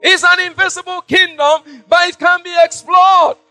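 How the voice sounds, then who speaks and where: A man preaching an impassioned sermon, shouting much of it. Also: extremely high pitch, steady tone, normal speed, faint music behind.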